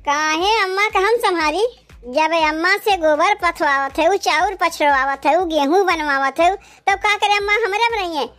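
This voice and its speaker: A woman's voice: extremely high pitch, moderate pace, a bit bright. A woman voicing quarrelsome young village daughters-in-law with an Awadhi accent, taunting and bickering.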